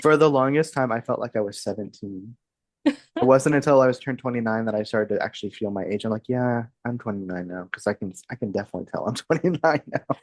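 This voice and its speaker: Relaxed hesitant woman in her thirties. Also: extremely low pitch, quick pace, no room sound. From Texas. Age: 30s. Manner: relaxed, hesitant, with fillers and laughs. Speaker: podcast co-host. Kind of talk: casual chat.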